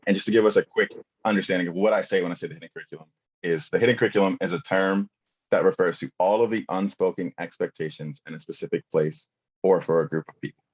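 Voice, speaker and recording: Young male workshop presenter, very low voice, loose chatty delivery, muffled lo-fi recording. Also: steady tone, quick pace, breathy edge. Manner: casual, filler-heavy, engaging the audience.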